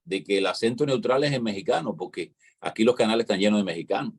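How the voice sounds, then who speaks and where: A man's voice: lowish voice, fast, darkish tone, slightly rough. A man with a Cuban accent, talking in a casual show conversation and explaining at length, often checking in with "¿entiendes?". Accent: Cuban Spanish. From Cuba. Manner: lecturing, explanatory, peppers talk with "¿entiendes?".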